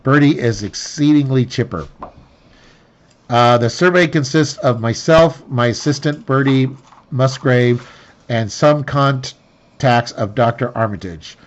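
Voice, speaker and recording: A man reads the story text of a tabletop game aloud at an ordinary middle pitch, tripping over words and going back to fix them. The recording is dull and lo-fi, lacking crispness. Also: a little slow. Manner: stumbling restarts and self-corrections while reading. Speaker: player reading the scenario aloud. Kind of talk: reading game narration aloud, with slips. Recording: dull lo-fi sound.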